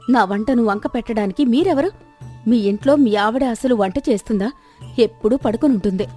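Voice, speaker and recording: A woman's voice: a little high, mellow. A woman voicing a scolding young village wife defending her cooking in a storybook tale. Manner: scolding and defiant. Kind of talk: storybook voice acting.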